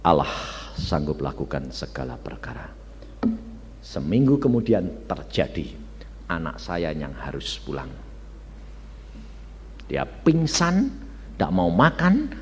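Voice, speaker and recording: A male preacher telling a personal story in a sermon, swinging between loud outbursts and hushed speech. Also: fairly low pitch. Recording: long hall reverb.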